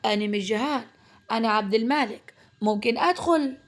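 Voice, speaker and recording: A protective young doctor speaks with firm, caring insistence in a spoken family story, with a woman storyteller doing him. His Upper Egyptian voice is pitched fairly high. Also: fast, natural voice.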